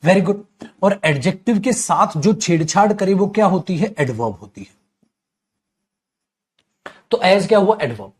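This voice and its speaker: With a Hindi accent and a somewhat high voice, this grammar teacher leads an online class, fondly addressing students as "beta" and explaining with patience. Over and over he asks the class something and then supplies the answer himself. His intonation is lively, his pace unhurried, and he leaves long pauses.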